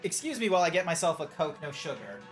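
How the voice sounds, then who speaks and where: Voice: medium pitch, very animated, quick pace. Flustered game streamer over music. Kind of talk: casual video game livestream commentary, reading game text aloud.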